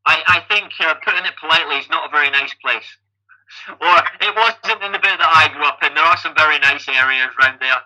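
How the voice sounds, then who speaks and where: Poor audio carries the sharp, brisk voice of a fiftysomething Scottish man, pitched on the high side. As a podcast guest and amateur endurance athlete, he chats through his life story, restarting phrases often.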